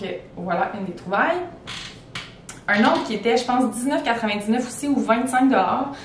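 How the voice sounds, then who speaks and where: A young woman with a Québécois accent chats casually about her clothing finds, her talk full of fillers and restarts. She sits back from the camera, and the room rings with echo under a faint rumble. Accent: Québécois French. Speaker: teacher vlogger. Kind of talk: casual fashion haul chat. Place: indoors at home. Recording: echoey room, far from the mic, faint rumble.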